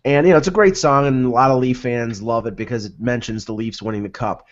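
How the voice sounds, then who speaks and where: A man co-hosting a casual sports talk show, telling anecdotes in a halting way and repeating words as he goes. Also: mid-range voice. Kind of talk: casual chat, anecdotal storytelling. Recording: dull lo-fi audio.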